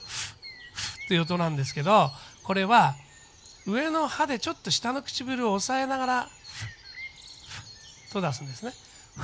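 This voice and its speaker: Man, English teacher, slow repeat drills, patient explanations, faint birdsong behind. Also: sits high, a bit bright, slight background noise. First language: Japanese. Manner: slow, deliberate model sentences for repeating; patient explaining, checks in with the listener.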